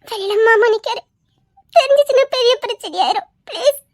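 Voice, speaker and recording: A woman's voice: very high voice, lively intonation, fairly quick, no room sound, clean studio sound. A woman playing a young wife who tearfully pleads with her angry husband in a web drama. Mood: tearful pleading.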